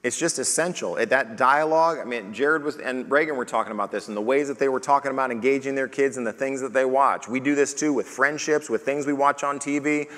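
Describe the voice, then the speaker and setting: A man preaching as pastor at a parenting conference, talking lively and acting out the questions he asks his children. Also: mid-range voice, brisk, hardly any pauses, big-room sound. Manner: animated, acts out questions to his kids.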